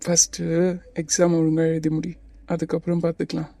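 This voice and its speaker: A woman voicing a calm, teasing young male hero in a cartoon series. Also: deep voice, fairly quick, dry recording. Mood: easygoing. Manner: teasing, patient, a little bossy. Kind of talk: Tamil cartoon series voice acting.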